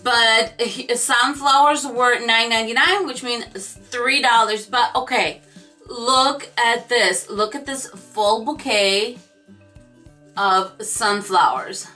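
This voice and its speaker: A woman's voice: on the high side, slow pace, sharp tone, soft background music. A woman craft vlogger chatting casually to camera about her shopping haul, gushing and talking straight to her viewers. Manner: gushing, chatty, addresses viewers as "you guys".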